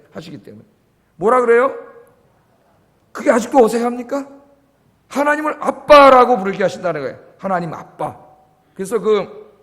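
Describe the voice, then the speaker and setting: High-voiced pastor preaching in a reverberant church. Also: male voice. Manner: asks the congregation questions and acts out calls. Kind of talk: sermon. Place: church sanctuary.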